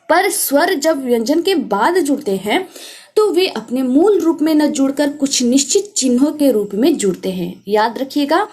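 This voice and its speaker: A woman's voice: high-pitched, a little mellow. A woman teaching an exam-prep grammar lesson, repeating reminders to note things down and stretching out example words.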